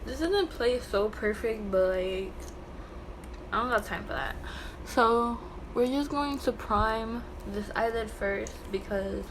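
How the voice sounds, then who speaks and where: A young woman with a slight lisp from a new tongue piercing, chatting casually through a makeup tutorial at home. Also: a little high. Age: young adult. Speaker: makeup vlogger. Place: small bedroom at home, indoors. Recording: clearly noisy home room recording.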